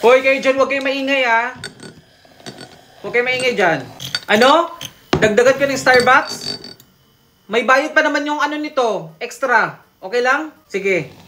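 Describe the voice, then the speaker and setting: A woman's voice: sits high, measured pace, long pauses, a bit bright, slight background noise. A woman playing a drink seller, taking orders from customers who are not there and scolding them in a chatty, bossy way. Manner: half-sung catchphrase repeated over and over. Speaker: drink vendor in a role-play. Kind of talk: solo role-play of serving customers.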